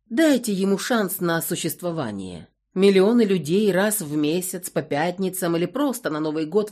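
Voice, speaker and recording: Woman, audiobook narrator, low voice, animated, husky. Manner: expressive storytelling.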